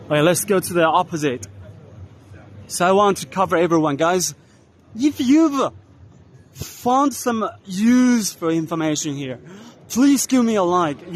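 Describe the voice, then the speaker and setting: Slow-talking man on an expo walking tour. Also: high voice, slight background noise. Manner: unhurried, spells out names letter by letter. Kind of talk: casual walk-and-talk narration. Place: large indoor trade expo hall.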